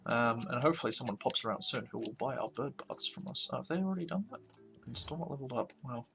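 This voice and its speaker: A man's voice: mid-range voice, quick pace, gravelly, bright, forceful tone. A tired man talking casually through a strategy game he is playing, thinking aloud and yawning now and then. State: sleepy, yawning. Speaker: let's play host. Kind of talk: casual gameplay commentary.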